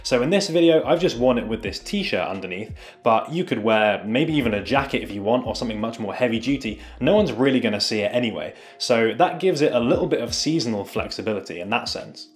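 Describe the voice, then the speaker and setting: A man's voice: mid-range voice, animated, a little fast, faint music behind. Chatty man reviewing gear. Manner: chatty, upbeat, speaks straight to viewers. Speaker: fashion reviewer. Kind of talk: casual product review vlog.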